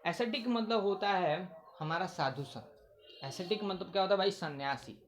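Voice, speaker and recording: A man's voice: high voice, animated, normal speed, a little hiss or hum. A man teaching English vocabulary in Hindi, asking questions and answering them himself, repeating words often. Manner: repetitive, asks questions then answers them. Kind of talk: casual Hindi vocabulary lesson.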